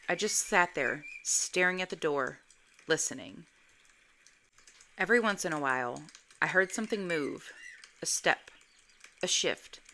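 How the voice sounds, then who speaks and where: A woman recounts an eerie personal story, unhurried and deliberate. Her voice sits a little low but has a bright, forward edge. She builds suspense through careful pacing. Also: a little hiss or hum. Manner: slow, measured, suspenseful delivery. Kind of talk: first-person spooky story narration.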